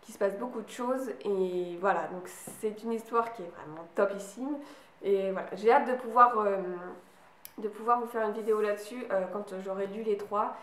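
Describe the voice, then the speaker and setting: A woman's voice: medium pitch, normal speed, a bit bright, echoey room. A woman vlogging casually about books she bought, hesitating often with fillers and restarts. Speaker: book vlogger. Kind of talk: casual book haul chat.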